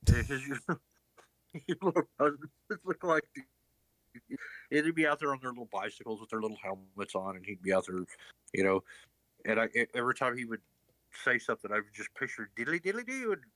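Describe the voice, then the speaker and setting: A man's voice: on the low side, quick pace, pushed and bright, no room sound, rough recording. A man from Texas telling rambling, funny anecdotes in casual chat, laughing at his own stories. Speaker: guest friend.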